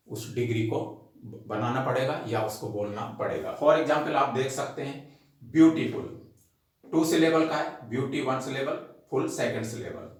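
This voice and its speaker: Male grammar tutor, slow and methodical, spells words out, very echoey room. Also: medium pitch. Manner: slow and deliberate, spells words out letter by letter and repeats each rule; addresses the class directly as students. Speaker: English grammar teacher. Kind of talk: recorded grammar lesson.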